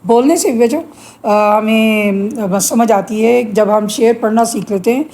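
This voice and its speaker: A middle-aged woman with a Pakistani Urdu accent teaching a poetry lesson to students, explaining patiently and reciting verses slowly. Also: a little high, a little mellow.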